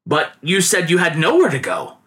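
A man's voice: on the high side, huge pitch swings, normal speed, fairly bright tone, voice pushed up. Man doing an earnest young suitor. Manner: earnest, formal old-fashioned speech.

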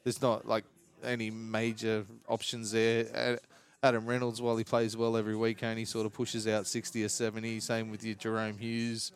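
A man's voice: lowish voice, monotone, normal speed, few pauses, clear, resonant tone. An Australian man co-hosting a sports podcast, casually talking through analysis. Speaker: fantasy rugby league podcast co-host.

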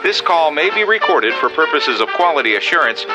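A man voicing a mock automated phone menu, reading a recorded message in a polished, measured announcer delivery. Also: a little high, sing-song. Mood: deadpan polite. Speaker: voice actor in a parody clip. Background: loud upbeat music.

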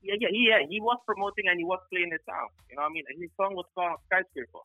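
A man's voice: high-pitched, fast, no room sound, phone-quality sound, faint music behind. A man from Guyana, talking casually in an interview about his work as a sound clash selector and often tagging on "you know what I mean.".

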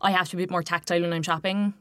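Fast-talking Kerry woman, west of Ireland accent. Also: lowish voice, steady tone, a bit bright, no echo, clean studio sound. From County Kerry, Ireland. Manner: chatty, informal, peppers speech with "like". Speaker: podcast guest. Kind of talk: casual chat.

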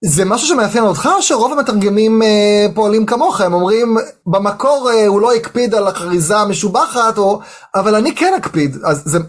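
A man's voice: sits high, expressive. A man with an Israeli accent interviewing a guest in a conversational way as host.

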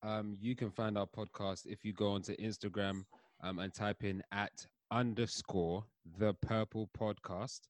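A man chatting casually as a podcast guest, opinionated and relaxed, with plenty of fillers. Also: fairly low pitch, unhurried, dry recording. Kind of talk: casual chat.

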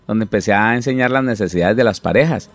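A man's voice: on the low side, fast, no room sound. A middle-aged man, a pastor, earnestly explaining Bible teaching in conversation with many restarts.

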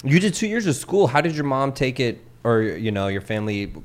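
A man's voice: medium pitch, very animated, brisk. A man co-hosting a podcast, cracking jokes and asking follow-up questions. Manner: joking, asks follow-up questions. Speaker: podcast co-host. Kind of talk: casual podcast chat.

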